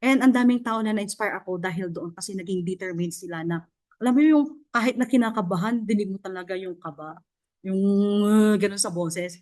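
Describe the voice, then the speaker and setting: A woman from the Philippines, a mentor telling her success story in a casual, encouraging talk to an online audience. She speaks directly to listeners in a halting way, with many fillers and restarts. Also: mid-range voice. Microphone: off camera, online session mic.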